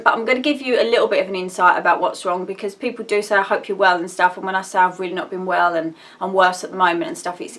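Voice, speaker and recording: A woman's voice: medium pitch, fairly bright tone. A woman in her thirties with an Essex accent, talking casually to her viewers in a personal vlog, rambling from one subject to the next with lots of ums. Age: 30s. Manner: rambling, chatty, jumps between subjects with many ums. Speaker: vlogger. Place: indoors at home.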